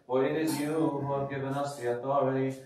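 A clergyman slowly chanting a liturgical thanksgiving prayer, his phrases ending in sung notes, in a church sanctuary. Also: mid-range voice, little pitch movement, a little mellow. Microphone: distant room mic. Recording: very echoey church from far off.

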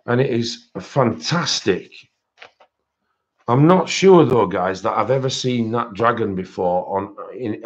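A mid-range male voice, with the highs cut off, belongs to a coloring book channel host doing a live-stream coloring-supply haul. He chats with viewers' comments in a rambling way, heavy on fillers and self-corrections.

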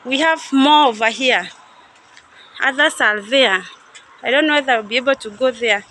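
Her voice sits high and sounds bright and forceful at a moderate pace as she strolls around a coffee farm and factory outside. It's a casual walk-through by a young woman vlogger, musing aloud and frequently uncertain, captured roughly on a phone camera in her hand.

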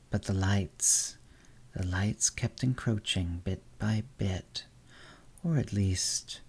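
Storybook whisper role: man as a bitter, ancient will-o'-the-wisp, hissing and scornful, low voice. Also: creaky, darkish tone, breathy edge, full character voice. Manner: weary, scornful.

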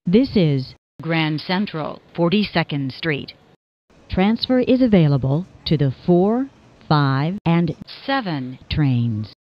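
A woman reads train announcements very slowly, each phrase pieced from spliced-together words. Her pitch sits a little low but leaps around between the joined words. The sound is muffled and lo-fi. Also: big pitch swings, a little hiss or hum. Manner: slow, deliberate, clipped phrases. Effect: spliced-together words, jumps in pitch and loudness. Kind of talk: recorded transit announcements. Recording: muffled lo-fi recording.

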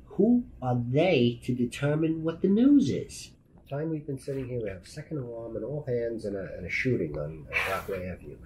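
A Brooklyn man in his fifties with a New York accent, a veteran news photographer, gives an emphatic, plain-spoken personal account for a documentary in an indoor meeting room. His medium-pitched, darkish voice is sing-song and fairly quick, on a low-quality recording with slight background noise.

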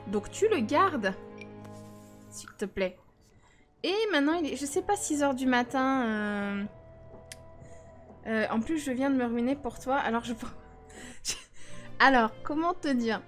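A woman's voice: high voice, expressive, takes it slowly, long pauses, fairly bright tone, faint music behind. A woman streaming a life-sim game, chatting casually and teasing her viewers. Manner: chatty, teasing, talks back to chat.

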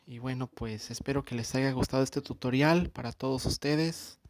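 A man hosting a tech tutorial, explaining phone settings in a relaxed, conversational way. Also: medium pitch, normal speed, no room sound. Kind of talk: casual screen-recording tutorial.

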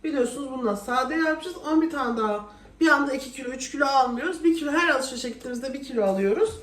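A woman's voice: sits high, animated, very fast, fairly bright tone. Chatty woman in an echoey kitchen. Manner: exasperated complaining, chatty. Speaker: vlogger. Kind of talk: casual home vlog chat. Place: home kitchen. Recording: echoey room, voice from a distance, faint noise.

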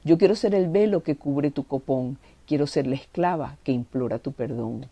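A woman's voice: deep voice, normal speed, mellow, no echo. A woman giving a devotional reading and reflection, fervent and reverent, leaning on prayerful words.

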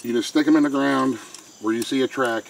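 A middle-aged homesteader talks briskly with fairly even intonation and a medium-pitched voice, explaining in plain, folksy steps how to set a trap. The recording, made outdoors by a pen and a wooded creek on a nearby handheld camera mic, is very noisy, with faint insects and crickets in the background.

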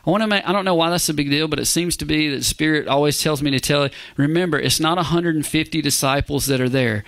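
Male pastor, gravelly, slightly high voice, emphatic sermon delivery, hushed whispers for emphasis, dry close sound. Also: quick pace, dry recording. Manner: emphatic preaching, asks the congregation "Amen?", drops to hushed whispers for emphasis. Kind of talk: verse-by-verse sermon.

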